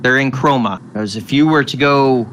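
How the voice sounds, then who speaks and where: A man's voice: medium pitch, moderate pace, fairly bright tone, slight background noise, natural voice. A man voicing a wary, secretive male undercover agent in a tabletop game. He speaks hesitantly, in a confiding tone, with many restarts. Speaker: game master voicing a contact.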